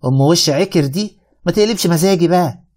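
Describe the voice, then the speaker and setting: A man with an Egyptian accent narrating a radio drama in the first person, with wry, lively storytelling. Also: high-pitched, quick pace.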